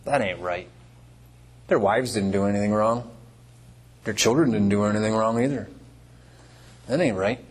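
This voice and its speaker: A man's voice: lowish voice, normal speed, pauses often, slightly rough. A man preaching a sermon in a church, breaking up scripture readings with folksy, conversational asides. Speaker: pastor. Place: church before a congregation.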